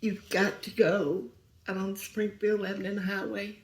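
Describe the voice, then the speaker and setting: Softly grieving middle-aged woman, roomy sound. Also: medium pitch, level tone, unhurried. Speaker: guest. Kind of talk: emotional interview storytelling. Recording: roomy echo.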